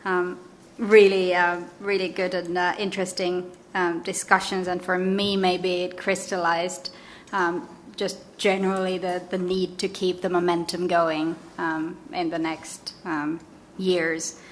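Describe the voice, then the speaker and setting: A woman speaking as a conference panelist, measured and hesitant, with many pauses and fillers. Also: fairly low pitch, little pitch movement, a little hiss or hum, low-quality recording. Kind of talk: panel discussion remarks. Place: conference hall.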